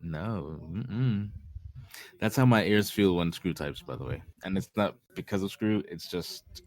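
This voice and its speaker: A man with a deep voice chats through an online game. His pitch rises and falls animatedly as he jokes, and he narrates his own typing under his breath. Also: a little slow. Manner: animated, joking, talks to himself while typing. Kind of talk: casual game chat.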